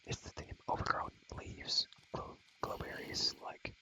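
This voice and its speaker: A young ASMR creator whispers his way through a game world, rambling, enthusiastic and slangy, often repeating phrases. His voice is bright and pushed, at a measured pace.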